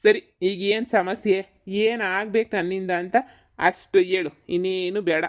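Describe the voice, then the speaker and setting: A man's voice: sits high, flat delivery, a little slow. A man voicing a laid-back, teasing male ghost in a cartoon, who calls his friend darling.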